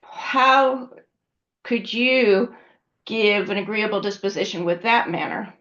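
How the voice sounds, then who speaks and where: A woman's voice: medium pitch, steady tone, slow, fairly bright tone. A woman teaching a class in a conversational way, often checking in with her students. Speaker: instructor. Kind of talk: classroom lecture. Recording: dull lo-fi recording.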